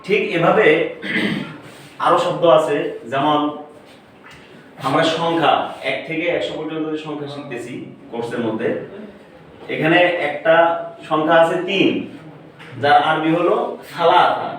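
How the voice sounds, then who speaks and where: A man's voice: fairly high pitch, a little slow, long pauses, a bit bright. A man teaching an Arabic lesson, often repeating words and quizzing his listeners on them. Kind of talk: classroom lesson. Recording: echoey room, far from the mic, faint noise.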